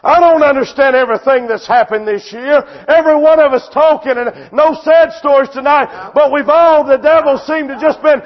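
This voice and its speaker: A man preaching a sermon, impassioned and often shouting, with a repetitive preaching cadence. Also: extremely high pitch, moderate pace, hardly any pauses, lo-fi sound.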